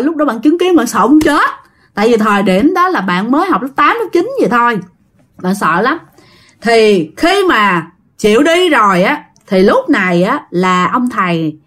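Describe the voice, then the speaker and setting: A woman, telling a spooky tale casually. Her voice is high and melodic, and she swoops up and down a lot. She keeps turning to her listeners as she chats. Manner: chatty, addresses listeners directly. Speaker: storyteller. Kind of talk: casual ghost-story telling.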